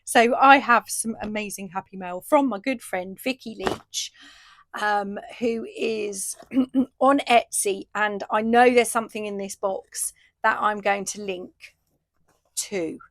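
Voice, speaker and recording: A woman from the UK, a craft shop owner chatting through a casual video update and an unboxing, says she is losing her voice and gets excited over each item. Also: medium pitch, slow pace, dry recording. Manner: chatty, enthusiastic, frequent ooh and fillers.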